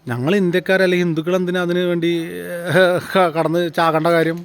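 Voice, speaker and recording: A man's voice: high-pitched, flat delivery, a little fast, smooth. A man, giving a combative vlog monologue full of rhetorical questions and heated peaks. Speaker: vlogger. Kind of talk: angry political monologue to camera.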